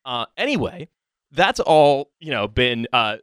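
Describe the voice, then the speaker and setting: A man's voice: mid-range voice, very animated, measured pace, a bit bright, smooth, no echo. A man hosting a podcast in casual chat, rambling with many fillers and restarts. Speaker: podcast host.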